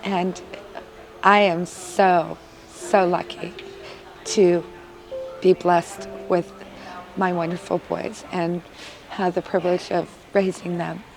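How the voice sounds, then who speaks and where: A woman's voice: lowish voice, level tone, slow, vocal fry, long pauses, soft background music, poor audio. A woman, a mother, giving an earnest, emotional testimonial in an interview. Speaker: parent interviewee.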